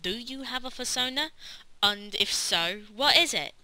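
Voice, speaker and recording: A woman's voice: a little high, lively intonation, unhurried, noisy background. A woman delivering scripted narration as the narrator and interviewer of a documentary.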